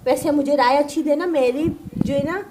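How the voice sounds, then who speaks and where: एक औरत, पाकिस्तानी उर्दू लहजे में, गाँव के घर के आँगन में बाहर खड़ी होकर दर्शकों से अनौपचारिक व्लॉग अंदाज़ में बातें करती है, बार-बार "सही है?" पूछती है और बहसों की नकल बड़े जोश से करती है।. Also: female voice, sits high, moderate pace, background noise. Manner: chatty, keeps asking "right?"; animated, re-enacts arguments. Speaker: village vlogger. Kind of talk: casual vlog chat to viewers. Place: outdoors at a village house courtyard.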